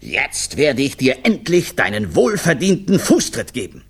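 Man doing a hot-tempered circus director, husky, high and wildly swinging. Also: wildly swooping pitch, slow, full character voice. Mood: furious. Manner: whiny, then booming and furious.

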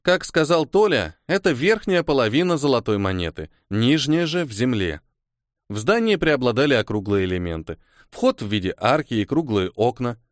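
A man reads a story aloud with much melodic rise and fall in his voice. The sound is close and dry, as from a small booth with no echo. He narrates in a scripted, expressive way. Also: mid-range voice. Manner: expressive, reads with lively intonation. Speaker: audiobook narrator.

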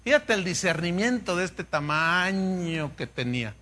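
Pastor telling a bible story, high bright voice, animated and funny. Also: male voice, a little slow. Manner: animated, humorous, acts out dialogue. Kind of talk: sermon storytelling.

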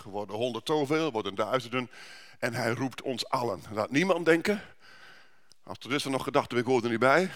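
A man's voice: mid-range voice, a bit bright. Man preaching in a conversational way. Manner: conversational, rhetorical questions, frequent restarts. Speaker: pastor. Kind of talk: sermon. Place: church service.

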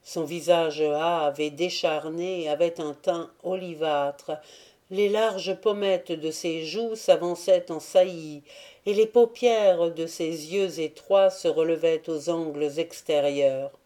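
A woman narrating a classic novel as an audiobook in slow, measured, deliberate phrases. Her voice is low and dark. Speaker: audiobook reader. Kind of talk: scripted narration.

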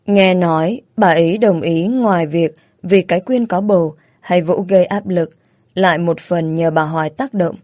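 A woman reading a first-person romance story aloud in a steady, plain storytelling manner. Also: lowish voice, no room sound, clean studio sound. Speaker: story narrator.

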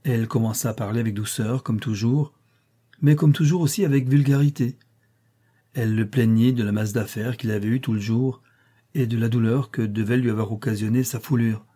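A man reading a classic novel aloud as an audiobook in a measured, even way. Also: mid-range voice, breathy edge. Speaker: audiobook reader. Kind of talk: scripted narration.

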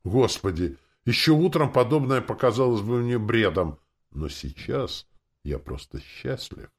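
A man's voice: medium pitch, expressive, a little slow, voice pushed up. A man voicing a frightened, bewildered man who talks timidly and pleadingly. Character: frightened bewildered man, newly arrived stranger.

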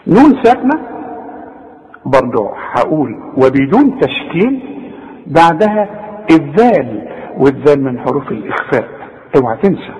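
A man with an Egyptian accent teaching Quran recitation rules. He explains in casual talk and then recites examples slowly, drawing out the nasal sounds. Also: a little high, darkish tone. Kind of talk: tajweed lesson. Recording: long hall reverb.

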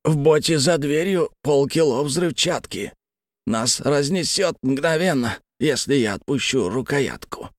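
A man voicing a male intruder who threatens in a hoarse whisper, with a faint foreign accent. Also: on the high side, lively intonation, a little slow, no room sound, studio quality, pitched above the performer's own voice. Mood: menacing.

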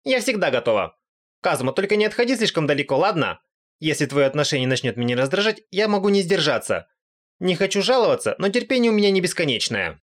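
Guy doing a whiny loud goddess girl, high pitched, always indignant. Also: sing-song, fast. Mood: impatient. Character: loud brash young female goddess.

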